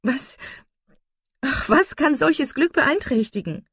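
A woman's voice: sits high, expressive, takes it slowly, fairly bright tone, no room sound, clean studio sound, pitched above the performer's own voice, exaggerated voice. A woman reading an audiobook and voicing a distraught young woman, pleading and desperate. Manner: desperate, pleading, sobbing outbursts.

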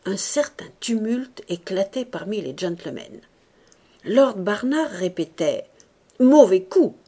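Woman audiobook narrator, deliberate, expressive, lively pitch, unhurried. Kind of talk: literary audiobook reading.

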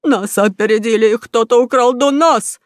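A woman voicing a cowardly mustached male thief in a children's audiobook, high, shrill and panicky. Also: normal speed, no room sound, studio quality. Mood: alarmed.

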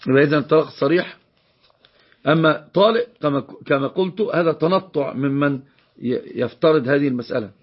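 A man's voice: fairly high pitch, brisk, husky, muffled recording. A man with an Egyptian accent teaching a religious law lesson, explaining a text and repeating key phrases for emphasis. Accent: Egyptian Arabic.

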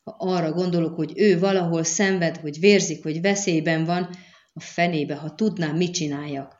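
A woman's voice: on the low side, steady tone, darkish tone, muffled recording, lightly acted. A woman voicing a fierce, hot-tempered young sorceress who scolds sharply, in an audiobook reading. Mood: tense.

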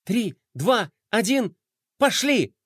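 A man's voice: high voice, big pitch swings, takes it slowly, no echo, studio quality, pitched above the performer's own voice, heavily acted. A man voicing a brave, bossy little girl in a children's story, giving eager commands. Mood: commanding.

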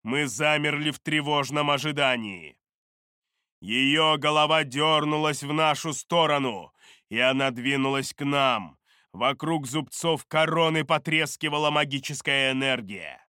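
Bright-voiced male fantasy narrator. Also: on the high side, steady tone, unhurried, smooth, no room sound, studio quality. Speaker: audiobook narrator. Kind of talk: dramatic fantasy audiobook narration.

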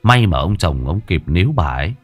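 A man's voice: sits low, big pitch swings, fairly quick, dry recording, faint music behind. A man, narrating a ghost story in a crude, colloquial way.

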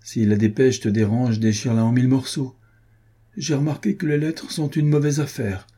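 A man voicing a proud, jesting young impoverished marquis in a classic novel reading, with a lively, declamatory manner. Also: mid-range voice, normal speed, husky, natural voice. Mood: bantering.

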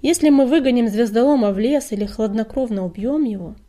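A woman voicing a thoughtful senior male warrior cat who speaks in a measured way in a storybook reading. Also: fairly high pitch, warm tone, natural voice.

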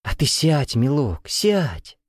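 A man's voice: a little high, big pitch swings, moderate pace, dry recording, voice pushed up. A man voicing a jovial, sly bearded Russian nouveau-riche man who teases in a folksy, coaxing way with veiled menace.

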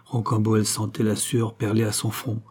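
A man narrating a classic novel in a steady, measured reading. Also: on the low side, husky. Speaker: audiobook narrator.

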